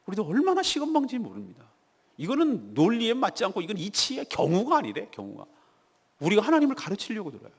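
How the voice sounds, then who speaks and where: A man's voice: high voice, wildly swooping pitch, fast talker, breathy edge. A man preaching a morning devotional sermon as pastor, speaking emphatically and putting rhetorical questions to the congregation, in a church with a long reverb. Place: church sanctuary.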